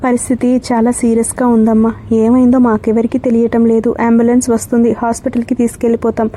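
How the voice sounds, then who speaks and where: A woman's voice: on the high side, monotone, fast talker, warm tone, a little hiss or hum, lightly acted. Woman voicing a grave male society secretary.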